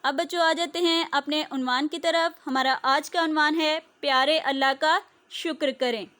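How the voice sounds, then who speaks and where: A woman teacher with a Pakistani Urdu accent reads a lesson to children, saying each key word twice, slowly and clearly. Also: sits high, steady tone, fairly bright tone. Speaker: school teacher. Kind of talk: slow classroom reading lesson.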